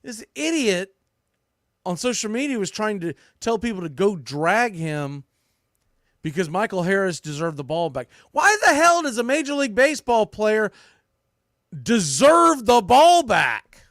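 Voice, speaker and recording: A high, sing-song male voice delivers this sports podcast recap at a measured pace, with a fairly bright tone. The host and commentator is blunt and ranting, mildly profane, and hammers his points home by repeating phrases; the studio-quality recording is dry.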